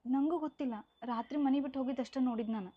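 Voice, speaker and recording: A woman playing a young wife in a rural family drama, speaking softly and pleadingly. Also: high-pitched, very fast, slightly rough. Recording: slightly dull sound with violin music.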